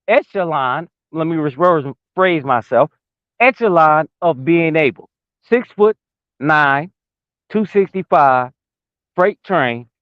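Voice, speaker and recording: A man's voice: high-pitched, dry recording, lo-fi sound. A man arguing his side in a heated casual basketball debate, stumbling over fillers and restarts. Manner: hesitant, many fillers and restarts, gets talked over. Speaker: guest debater.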